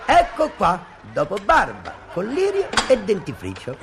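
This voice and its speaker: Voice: medium pitch, wildly swooping pitch, unhurried, gravelly, noisy background, full character voice. Un'interprete che dà voce a un ragazzino furbo e dispettoso, tutto finta cortesia, in una commedia da film. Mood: cheeky. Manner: cheeky, mock-polite, then yelping in panic. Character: cheeky young boy prankster, quick-witted. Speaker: boy running errands in a perfume shop. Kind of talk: comic film acting.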